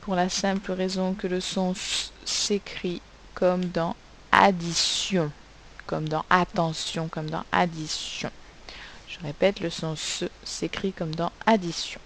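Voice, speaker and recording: A woman's voice: on the low side, flat delivery, slow, a bit bright, a little hiss or hum, low-quality recording. A woman teacher giving a recorded spelling lesson to children, patiently spelling words out sound by sound. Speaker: primary school teacher.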